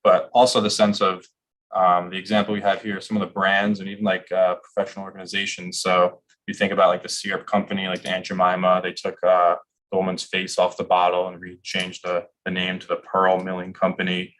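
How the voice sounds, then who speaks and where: A man's voice: low voice, completely flat delivery, a little fast, a bit bright. A man talking casually in a discussion, easygoing, with lots of "like" and "um" fillers. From Ireland.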